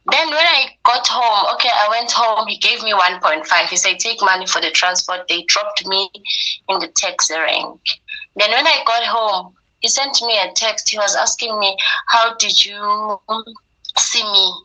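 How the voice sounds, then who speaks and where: A woman's voice: mid-range voice, measured pace, bright, forceful tone, rough recording. A young woman telling a personal story in conversation, acting out the dialogue she quotes as she goes. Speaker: interviewee recounting her experience.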